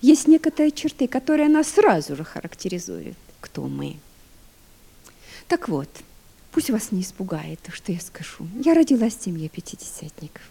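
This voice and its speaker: A woman in her fifties preaching a sermon to a congregation, swinging from loud emphasis to hushed, near-whispered phrases and asking the listeners questions. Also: mid-range voice, very animated, moderate pace, creaky, breathy edge. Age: 50s. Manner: asks the congregation rhetorical questions.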